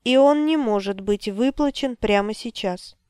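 A woman voicing a stern male wizard who speaks in a firm, measured and unbending way. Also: on the high side, a little mellow, clean tone, dry recording, studio quality, natural voice.

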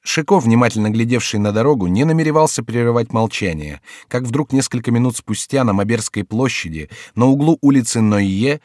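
A man narrating a classic novel as an audiobook in a measured, expressive storytelling manner. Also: mid-range voice, no room sound, clean studio sound. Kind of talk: scripted narration. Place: recording studio.

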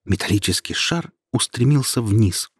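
Man narrator, low husky voice, slow measured fairy-tale reading, dry close sound. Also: animated, no room sound. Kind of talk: storybook narration.

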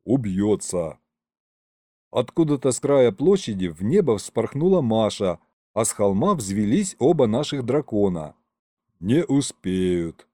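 Male narrator, storytelling, mellow and expressive. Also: medium pitch, normal speed, dry recording, studio quality. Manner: lively storytelling, first person. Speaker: audiobook narrator. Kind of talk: scripted narration.

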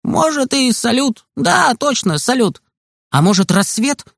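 A man's voice: extremely high pitch, big pitch swings, a little slow, creaky, no echo, clean studio sound, pitched above the performer's own voice, full character voice. A man voicing a cheerful, careless young boy in a storybook reading. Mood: carefree.

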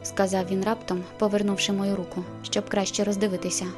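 A woman narrating a novel in the first person, in a measured, intimate storytelling manner. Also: medium pitch, flat delivery, music in the background. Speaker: audiobook narrator.

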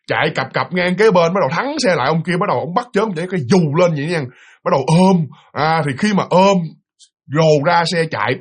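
Male ghost-story teller, slightly high voice with wide swings, husky. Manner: animated, acts out voices of people in the story.

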